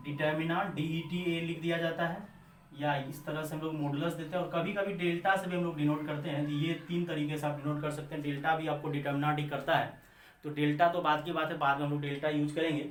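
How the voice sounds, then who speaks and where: Indian maths teacher guy lecturing, fairly high voice, roomy echo, mic kinda far. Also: flat delivery, fairly quick, a little hiss or hum. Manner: repeats points, asks and answers his own questions; addresses students as children. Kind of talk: classroom lecture. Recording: echoey room, mic far off.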